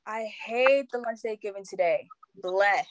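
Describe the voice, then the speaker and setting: A tomboyish teen girl who can't be bothered, played by a young actress. She answers with flat, weary comebacks in a student stage play. The sound is dry and close. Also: medium pitch, measured pace, no room sound, highs cut off, lightly acted. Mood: unbothered.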